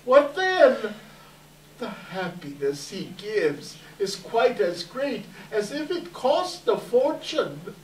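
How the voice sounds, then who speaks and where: Man playing halting, anguished old Scrooge, echoey. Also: sits high, very animated, slight background noise, exaggerated voice. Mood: hesitant, wistful. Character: Scrooge, anguished, timid, pleading old male miser. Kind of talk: readers theater stage reading. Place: indoor live event, distant microphone. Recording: echoey hall from far off.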